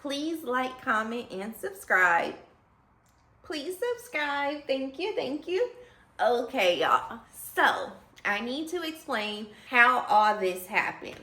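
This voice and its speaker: Young woman, storytime vlog, chatty, addresses viewers directly, bright voice, echoey room. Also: fairly high pitch, sing-song, slow. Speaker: storyteller vlogger.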